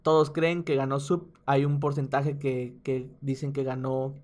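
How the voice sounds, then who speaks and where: A man with a Mexican accent, hosting a casual, joking commentary on rap battles in an animated, slangy way. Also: medium pitch, unhurried. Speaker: host.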